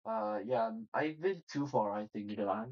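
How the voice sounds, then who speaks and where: Young man, game play-by-play commentary, halting with fillers, excited outbursts, dry distant muffled mic. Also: mid-range voice, creaky, no room sound. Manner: halting, lots of fillers and restarts, bursts into excited shouts. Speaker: streamer commentating a game competition. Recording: distant dull mic with faint music.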